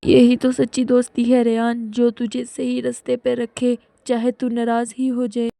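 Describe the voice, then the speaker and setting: A woman voicing a calm, principled schoolboy who talks earnestly, with a dry, close sound. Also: high voice, vocal fry, dry recording. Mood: proud.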